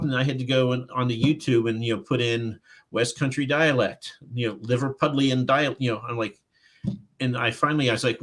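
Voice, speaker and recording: Male author guest, medium pitch, storyteller who acts out the quotes. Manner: animated anecdote-telling, acting out quotes. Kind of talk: casual interview storytelling.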